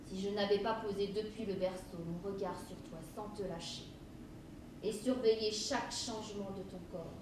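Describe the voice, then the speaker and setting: A woman playing a frightened grieving mother on stage, pleading and shrill when scared. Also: steady tone, moderate pace, close to an everyday voice. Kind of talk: stage play performance. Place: theatre stage. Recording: echoey hall, distant mic, noisy.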